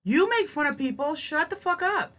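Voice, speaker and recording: A woman's voice: high voice, animated, moderate pace, fairly bright tone. Scornful, blunt reaction commentator woman. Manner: blunt, scornful, swears a lot.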